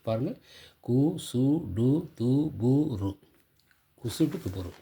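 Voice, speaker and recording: A man teaching a grammar lesson, repeating example words slowly for pronunciation practice. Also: mid-range voice, animated, warm tone, breathy edge.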